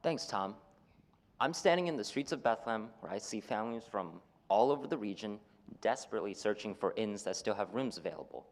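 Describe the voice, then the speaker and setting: Guy doing a roving reporter in a skit, lowish voice, breaking news from the scene, matter-of-fact. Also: expressive, a little fast. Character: observant male field reporter in ancient Bethlehem.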